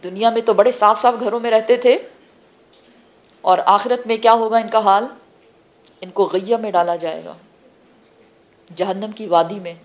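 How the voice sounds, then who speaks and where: Explaining scripture one phrase at a time, this Quran teacher defines terms word by word and pauses between phrases. She speaks in a mid-range voice with fairly even intonation, asking her religious class questions and then supplying the answers.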